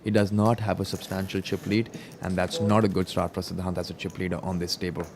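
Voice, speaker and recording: A man giving live poker commentary in a measured, explanatory way. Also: deep voice, level tone. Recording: noisy live-event ambience.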